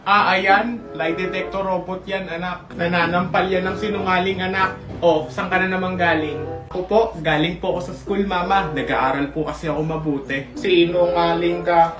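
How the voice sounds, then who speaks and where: A high-pitched man performs comic skits, switching between characters in a squeaky, exaggerated way. He sounds roomy and set back from the mic, with clear music underneath. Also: fairly even intonation, moderate pace. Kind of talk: comic skit narration, voicing several characters. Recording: echoey, distant recording.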